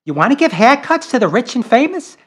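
A woman doing a sharp-tongued single mom from New in a comic radio play. She talks bluntly and picks fights, and her voice rises and falls in lively sweeps. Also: fairly high pitch, a little fast, slightly rough. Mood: angry. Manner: blunt, confrontational. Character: anxious, angry single mother, blunt and combative. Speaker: actor. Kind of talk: comedic audio drama acting.

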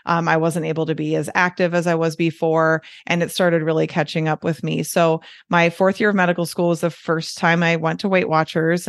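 This guest, a weight loss coach from the American Midwest in her forties, talks easily in a relaxed podcast conversation, full of fillers and little laughs. Her voice sits fairly low. The sound is dry and captured very close to the mic.

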